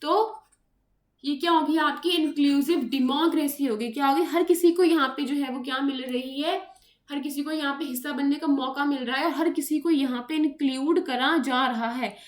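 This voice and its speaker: A woman's voice: sits high, fairly even intonation, moderate pace. A woman with an Indian accent giving an online lecture for civil services exam students, mixing English into her explanations and checking in often with her class. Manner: mixes English into explanations, keeps asking "ठीक है?". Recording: roomy echo.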